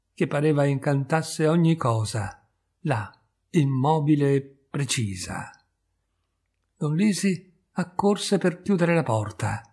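A man reading a literary short story aloud in a measured, expressive audiobook narration. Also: a little high, slightly rough. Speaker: audiobook reader.

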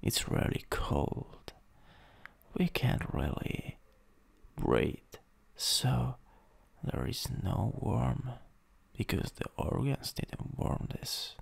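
An Italian-accented man gives a full character voice to a cruel male vampire master taunting his servant, in slow, partly whispered improvised ASMR on a close USB mic. Very animated in a mid-range voice, he sounds breathy, husky and gravelly, radiating cold menace in a drawn-out, condescending way.

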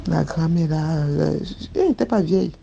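Woman guest, first-person testimony, gravelly and dark-toned, earnest. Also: sits low, lively intonation, moderate pace, dull audio, slight background noise. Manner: earnest, recounting events step by step.

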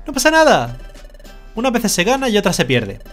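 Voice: mid-range voice, huge pitch swings, fairly quick, fairly bright tone, faint music behind, voice pushed up. A streamer from Spain voicing a childish, dreamy male guild master in a video game, with a sweet, sing-song manner. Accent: Spain Spanish.

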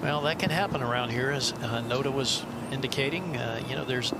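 A man's voice: medium pitch, brisk. A man in the role of analyst, giving live golf commentary and explaining shots. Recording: loud outdoor crowd noise behind.

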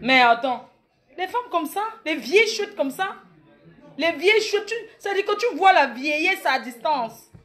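Brash mocking woman with a high voice. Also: lively intonation, measured pace, a bit bright. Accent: Cameroonian French. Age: 30s. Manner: brash, mocking, boastful taunts at critics. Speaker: comedic vlogger. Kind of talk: satirical comedy monologue.

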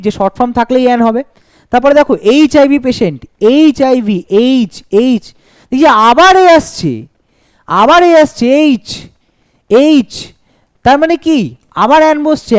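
Male grammar tutor, very high voice, animated delivery, dry close sound, quizzes the class and answers himself. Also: no echo. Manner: lively, keeps asking and answering his own questions. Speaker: teacher. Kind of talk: exam-prep grammar lesson.

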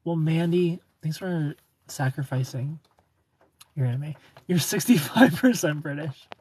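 At a measured pace, a man in his thirties speaks in a high-leaning, darkish voice with a breathy edge. He's live-streaming from a parked car at night under neon, playfully reading viewer comments and often laughing into a phone held close.

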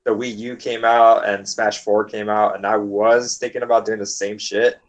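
A man's voice: lowish voice, flat delivery, moderate pace, poor audio. A young man co-hosting a gaming podcast in casual, swear-filled chat. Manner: laid-back, swears freely. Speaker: podcast co-host.

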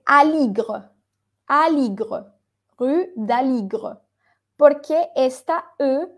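Slow, high-voiced woman teaching French. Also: a little mellow. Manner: slow, repeats words to drill pronunciation; switches between French and Spanish explanations. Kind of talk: online language lesson.

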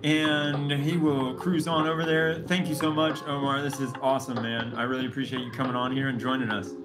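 A man's voice: medium pitch, flat delivery, brisk, music in the background. A man hosting an online conference over a video call, laid-back and full of enthusiastic praise for the speaker. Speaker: event host. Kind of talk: casual live-stream hosting. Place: indoor room.

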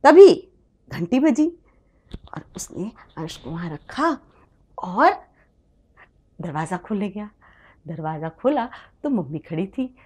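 A woman storyteller narrating a tale for children in an expressive, animated way. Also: medium pitch, slow, pauses often, slightly rough.

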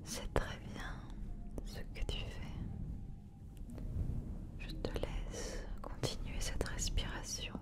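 Hushed whispering woman, very slow. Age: young adult. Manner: slow, soothing, instructing delivery. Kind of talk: ASMR guided hypnosis. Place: small dim indoor room. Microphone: close microphone.

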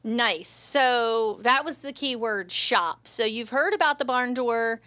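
Inside a small home decor shop, an American woman in her thirties delivers upbeat promotional presenting to camera for a local shopping show, chatty and enthusiastic with a handheld microphone. Her voice is on the high side, slow and sharp-toned, in a dry recording.

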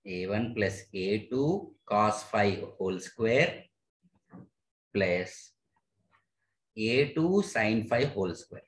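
A physics teacher with an Indian accent explains a derivation one step at a time in an online class, pausing to ask quick questions that confirm understanding. He speaks slowly, with long pauses, in an animated, fairly low voice. Echo fills the room.

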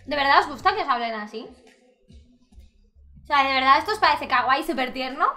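A woman's voice: high voice, lively intonation, brisk, sharp tone, soft background music. A young woman with a Spanish accent from Spain, playing a visual novel aloud and adding sarcastic, joking asides. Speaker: streamer.

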